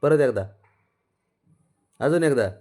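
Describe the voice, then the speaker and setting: A man films his cat indoors on a phone and coaxes it in a playful, teasing way, repeating short commands again and again. He talks slowly, and his pitch swoops up and down as he chuckles along. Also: lively intonation, warm tone. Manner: laughs often while talking. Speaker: cat owner filming his pet. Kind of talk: casual talk to a pet. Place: indoors at home.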